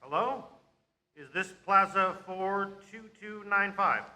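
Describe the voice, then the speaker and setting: Man acting a piercingly bright-voiced telegram clerk. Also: high-pitched, heavily acted. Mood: businesslike. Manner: formal, measured dictation. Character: businesslike telegram clerk reading out a message. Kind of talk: radio drama acting.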